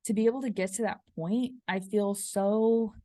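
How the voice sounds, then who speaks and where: A woman's voice: mid-range voice, fairly even intonation, normal speed, mellow, no echo. A young woman fitness instructor hosting a casual solo show, talking in a chatty, rambling way with many fillers and restarts. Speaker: podcast host and fitness instructor.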